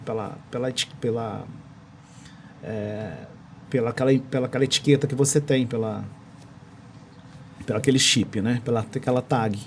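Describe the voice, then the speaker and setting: A man's voice: mid-range voice, darkish tone, slight background noise. A man with a Brazilian accent explaining technology as a podcast guest in a studio, restarting phrases as he searches for words. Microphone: studio microphone.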